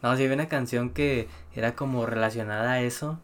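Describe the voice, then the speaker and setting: A young Mexican man co-hosting a laid-back chat. He banters easily and throws in plenty of slang, his voice sitting at a middle pitch. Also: fairly even intonation, fast talker. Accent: Mexican Spanish. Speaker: podcast co-host. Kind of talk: casual chat.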